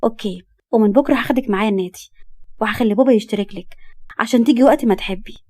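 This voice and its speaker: A woman's voice: fairly high pitch, rapid-fire, warm tone, no room sound, studio quality, natural voice. A woman voicing a cheerful, chatty young woman with an Egyptian accent. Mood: friendly. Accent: Egyptian Arabic. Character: cheerful, lonely young woman, friendly sister.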